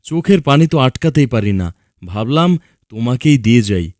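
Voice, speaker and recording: A man's voice: medium pitch, very animated, fairly quick, a little mellow, no room sound, studio quality, close to an everyday voice. A man voicing a kind, generous, wealthy farm owner in a cartoon.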